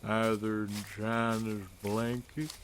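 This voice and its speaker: An actor voicing a gentle, generous young turtle who speaks politely and softly. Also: medium pitch, flat delivery, takes it slowly, slight background noise, close to an everyday voice.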